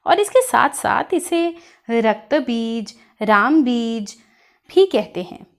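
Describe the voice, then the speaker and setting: A woman teacher explains things patiently in a scripted dialogue lesson. Her high voice rises and falls in a lively way. She stresses each word in her lists and speaks very slowly. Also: gravelly. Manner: patient explaining, listing words with lively emphasis.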